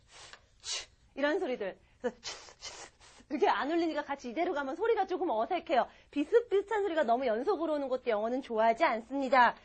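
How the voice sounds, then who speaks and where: High-voiced woman teaching English grammar. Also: a bit bright, highs cut off. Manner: patient, explains slowly and repeats example sentences; models sounds with short whispered consonants. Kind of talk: recorded English grammar lecture.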